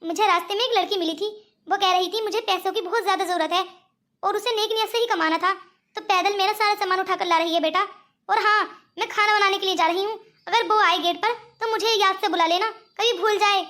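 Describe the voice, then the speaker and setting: Woman doing a high, bright-voiced scheming cartoon granny, coaxing. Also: steady tone, fairly quick. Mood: musing. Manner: coaxing, calls others 'beta'. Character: scheming rich old grandmother. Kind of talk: cartoon voice acting.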